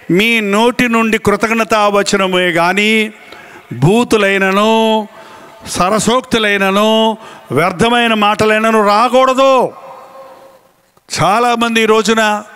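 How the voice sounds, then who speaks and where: Casting note: male pastor, bright and high, animated storyteller who stretches words for emphasis. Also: smooth. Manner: animated storytelling, acting out voices and animal sounds. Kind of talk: sermon.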